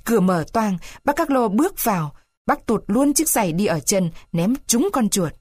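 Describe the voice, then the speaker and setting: A woman reading a children's storybook aloud, expressive with varied pacing. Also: medium pitch, normal speed, husky, no room sound, clean studio sound.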